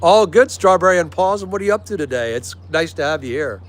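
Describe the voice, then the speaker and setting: Here an American livestream host from the United States talks fast, his slightly high voice full of expression. He keeps the chat with his live audience casual, agreeable and friendly. The audio is clear, though something like a vehicle hums in the background.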